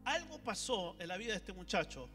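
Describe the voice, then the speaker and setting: A man's voice: high-pitched, sing-song, a little fast, sharp tone, big-room sound, faint music behind. A man, a pastor preaching animatedly and speaking directly to the congregation. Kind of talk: sermon. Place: church hall.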